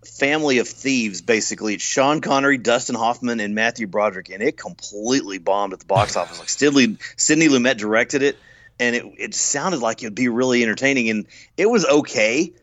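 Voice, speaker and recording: A man's voice: mid-range voice, fairly quick, fairly bright tone, dry recording, lo-fi sound. A man co-hosting a podcast, chatting casually about old movies, recalling trivia eagerly. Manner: enthusiastic, trivia-heavy recall. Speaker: podcast co-host.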